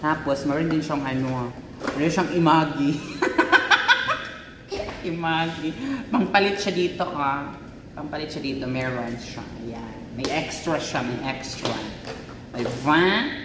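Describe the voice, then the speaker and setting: A woman with a Filipino accent giggling and exclaiming excitedly as she unboxes a phone in a casual vlog. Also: deep voice, a little slow, distant mic, noisy background. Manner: excitable, giggly, mixes Tagalog and English. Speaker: vlogger. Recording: echoey room, faint ambience.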